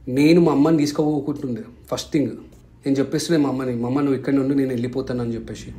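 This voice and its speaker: A man's voice: on the high side, warm tone. A man, a family vlogger answering viewers' comments in an impassioned, defensive way, full of rhetorical questions.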